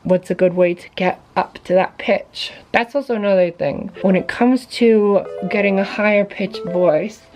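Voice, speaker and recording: A woman's voice: medium pitch, normal speed, few pauses, over music, low-quality recording. A woman vlogger talking casually to camera, sharing tips in an informal, chatty way with many fillers.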